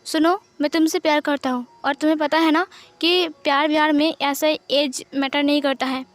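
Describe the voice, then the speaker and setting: A woman's voice: high voice, fairly even intonation, moderate pace, close to an everyday voice. A woman voicing a protective, emotional young man in a fan-fiction reading, talking earnestly and pleading. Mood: insistent. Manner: earnest, pleading, tearful at times.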